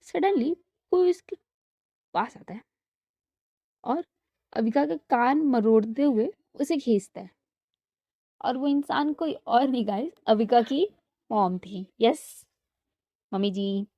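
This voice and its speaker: A young woman tells a romantic story in a chatty, casual manner, mixing in English words. Her voice sits on the high side. The sound is dull and lo-fi, dry and close. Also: expressive, slow pace, pauses often, no echo.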